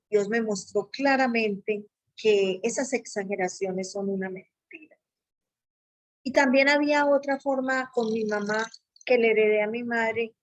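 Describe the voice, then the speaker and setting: Woman, earnest personal testimony; dramatizes quotes with pitch leaps. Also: poor audio. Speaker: speaker giving a testimony.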